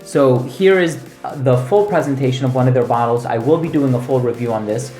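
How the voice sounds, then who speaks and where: A man's voice: medium pitch, fairly quick, dark tone. A man hosting a casual product review, explaining things in an informal, laid-back way. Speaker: fragrance reviewer and channel host. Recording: roomy echo with music underneath.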